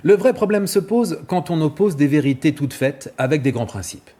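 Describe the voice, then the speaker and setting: A male vocal coach giving a clear, didactic scripted explanation and demonstrating examples. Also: on the high side, lively intonation, normal speed, mellow.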